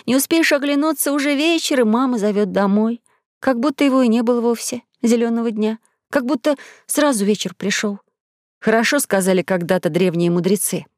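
A woman with a fairly high voice narrates a children's story gently and expressively. The sound is dry and close, as in a studio. She paces the reading like a storybook. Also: a little fast, dry recording. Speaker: audiobook narrator. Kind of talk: scripted narration.

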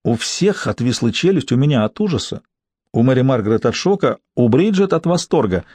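Man, audiobook narration, measured storytelling, medium pitch, dry studio sound. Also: very animated, darkish tone, husky, dry recording.

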